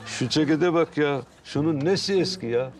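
A man's voice: fairly high pitch, normal speed, soft background music, some chatter behind, natural voice. An actor playing a boastful, stubborn man in a comedy series who refuses to give up a jacket he bought secondhand. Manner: brash, stubborn, laughs at others. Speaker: sitcom character.

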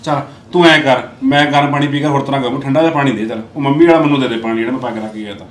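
An actor playing a bewildered brother-in-law who exclaims over a mix-up and apologizes. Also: male voice, mid-range voice, fairly even intonation, rapid-fire, echoey room, a little hiss or hum, lightly acted. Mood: flustered. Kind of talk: amateur village short-film acting.

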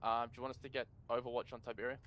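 A man commanding a vehicle crew in brisk, sweary bursts during a team game chat over a headset. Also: medium pitch, little pitch movement, fairly bright tone, slight background noise. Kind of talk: gameplay team radio chat.

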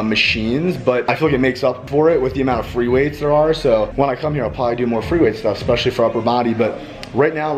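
A young man in his twenties chats to a camera held at arm's length, loose and upbeat, full of casual fillers. He talks quickly at a mid pitch, moving between a room at home and a gym. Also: darkish tone. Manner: loose, upbeat, lots of "like" and "kinda". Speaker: fitness vlogger. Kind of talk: casual vlog talk to camera.

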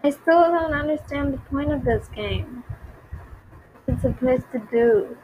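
A woman's voice: high voice, unhurried, narrow, tinny audio, slight background noise. A young woman giving nervous game commentary, repeating herself and reacting to jump scares. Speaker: gaming YouTuber.

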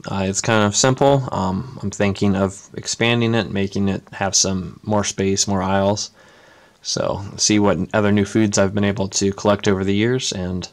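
A man with a low, gravelly voice talks through a casual show-and-tell from behind the camera. He speaks in a relaxed way, filling pauses with "uh" as he lists things one by one. He sounds like he is at a table indoors. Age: adult parent. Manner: relaxed, many "uh" fillers, listing items. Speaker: Lego builder showing his model.

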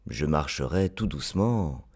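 Earnest young boy prince, gentle and wondering, read by a man, lively storybook delivery. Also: extremely low pitch, measured pace, slightly rough, pitched below the performer's own voice, exaggerated voice. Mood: curious.

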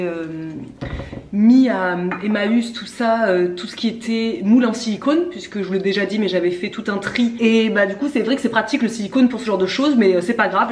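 A woman in her thirties in her home kitchen, chatting casually as she shows a breakfast recipe step by step, with many fillers. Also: mid-range voice. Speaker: cooking vlogger. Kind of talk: casual cooking demonstration. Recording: echoey kitchen with faint noise.

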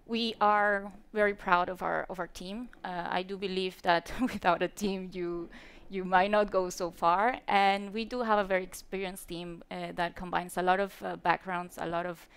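A woman's voice: fairly low pitch, steady tone, normal speed, a bit bright, clear, resonant tone. A woman from Venezuela giving a conference talk on lighting design, speaking hesitantly with many fillers and restarts. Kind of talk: conference presentation. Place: stage at a lighting industry event. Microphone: handheld mic.

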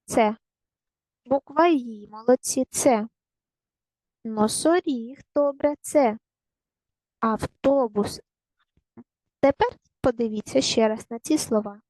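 A woman teaching a recorded primary school lesson, giving clear, patient step-by-step instructions to young children. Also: a little high, slow pace, pauses often, warm tone, dry recording, rough recording.

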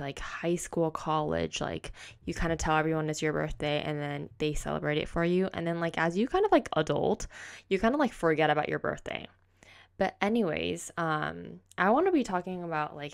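Her voice is on the low side, gravelly yet smooth and a bit bright. Raised in the United States, this young podcast host records a casual solo show at home, indoors with a kitchen in the background, on a close silver desk condenser mic. She rambles chattily, keeps saying "like," and corrects herself often.

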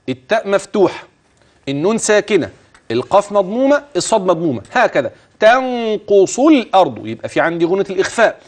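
A man with an Egyptian accent teaching Quran recitation rules, demonstrating words and correcting a student. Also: sits high. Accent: Egyptian Arabic. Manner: patient, corrective, demonstrates each word. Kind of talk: explaining tajweed rules and reciting.

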